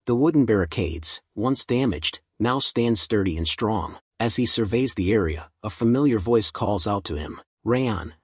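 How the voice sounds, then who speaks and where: A man narrating a comic story recap in a steady, scripted storytelling manner. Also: on the low side, moderate pace, hardly any pauses, husky, no room sound, clean studio sound.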